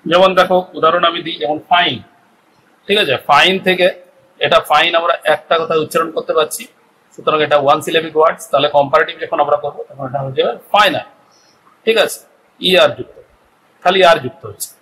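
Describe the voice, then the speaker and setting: Man, grammar teacher, Bengali accent, bright forceful voice, slightly high, step-by-step explaining, faint background noise. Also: steady tone, fast talker, low-quality recording. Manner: explains step by step, often asks "ঠিক আছে?". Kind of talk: video grammar lesson.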